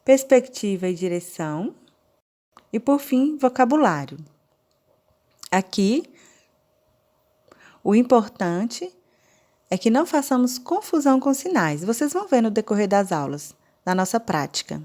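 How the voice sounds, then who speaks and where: Slow, deliberate Brazilian woman teacher. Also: on the high side, sing-song, warm tone. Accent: Brazilian Portuguese. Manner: slow, deliberate, explaining step by step. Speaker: sign language teacher. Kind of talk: recorded online lesson.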